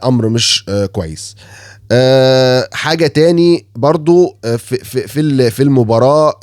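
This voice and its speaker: This football commentator, speaking with an Egyptian Arabic accent, has a cold that leaves him hoarse as he critiques football in a casual monologue peppered with fillers and false starts. His mid-range voice is a little mellow, captured in a dry, clean studio recording.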